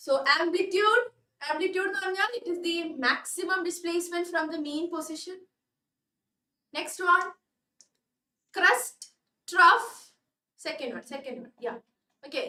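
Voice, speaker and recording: Young Malayali woman tutor, very high and unhurried, coaxing and always checking understanding. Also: sharp tone, reverberant, far from the mic. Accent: Malayali English. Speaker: online tuition teacher. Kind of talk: live online class, mixing Malayalam and English.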